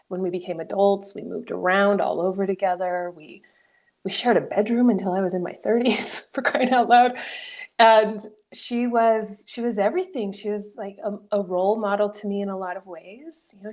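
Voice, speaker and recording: A woman in her forties from New Mexico appears as a guest coach in an interview, telling her life story. She's reflective yet animated, laughing often, with a medium-pitched voice.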